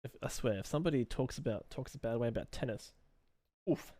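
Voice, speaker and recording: A young man streaming live, answering chat messages as he draws, in a loose, rambling way. His voice sits at an ordinary middle pitch. The sound is close and dry, with no room echo. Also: brisk, dark tone.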